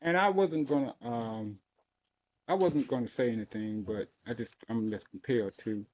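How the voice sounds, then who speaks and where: A man's voice: mid-range voice, moderate pace, a little hiss or hum. Earnest man on a lo-fi meeting recording. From Mississippi, USA. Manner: earnest and insistent, pressing his points. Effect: lo-fi public meeting hall recording, like a courtroom tape. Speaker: public commenter at a city meeting. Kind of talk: public comment at a council meeting. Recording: dull lo-fi meeting room recording.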